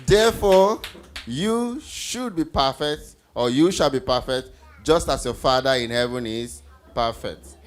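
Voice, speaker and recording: Hosting a children's Bible teaching session on an event stage, a man with a mid-range voice and lively intonation speaks unhurriedly. He guides the group with questions and echoes their answers in an encouraging, instructive manner.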